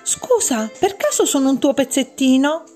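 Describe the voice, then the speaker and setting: A woman's voice: sing-song, moderate pace, a little mellow, faint music behind. A woman voicing Pezzettino, a tiny, eager little piece of a creature who keeps asking whether he belongs to someone, in a children's storybook reading. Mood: pleading. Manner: high, pleading questions. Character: tiny eager boy-shaped little piece, anxious seeker.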